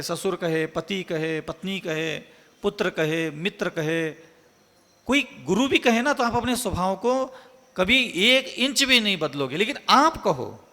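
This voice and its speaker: High, bright-voiced male monk preaching. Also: big-room sound. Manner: emphatic and repetitive, with many rhetorical questions. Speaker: Jain monk giving a discourse. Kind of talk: sermon.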